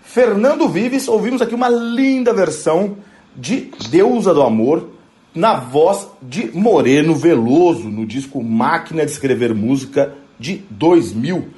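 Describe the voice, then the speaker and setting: A man hosting a music program, talking casually about a song just played, halting often with repeated restarts as he looks for words. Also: on the high side, lively intonation, mellow. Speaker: music show host. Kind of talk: casual radio music commentary.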